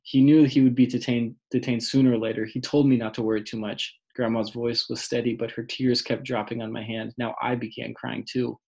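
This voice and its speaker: Gravelly, husky male audiobook narrator. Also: mid-range voice, little pitch movement, brisk, few pauses, darkish tone. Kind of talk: audiobook reading.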